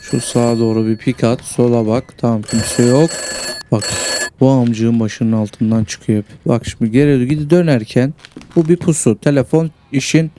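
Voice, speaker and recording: A man's voice: mid-range voice, moderate pace, warm tone, a little hiss or hum. A man giving casual commentary while he plays a horror game. He swears constantly and reacts jumpily to what happens on screen. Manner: crude, swears constantly, jumpy reactive banter.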